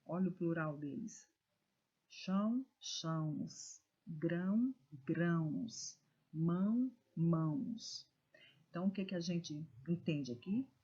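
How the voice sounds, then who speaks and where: A Brazilian woman teacher giving a recorded lesson to children, reading words slowly and stressing syllables with care. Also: on the low side, lively intonation, mellow, husky. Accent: Brazilian Portuguese. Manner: slow, careful, stresses syllables when reading words aloud. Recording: dull lo-fi recording.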